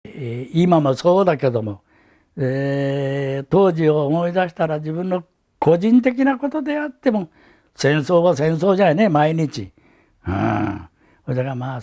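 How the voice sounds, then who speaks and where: An elderly man with a Hiroshima accent gives oral testimony as a survivor, telling his memories in a halting, reflective way. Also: on the high side, creaky, mellow. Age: elderly, 80s or older. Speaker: atomic bomb survivor giving testimony. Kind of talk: recorded oral testimony, reminiscing.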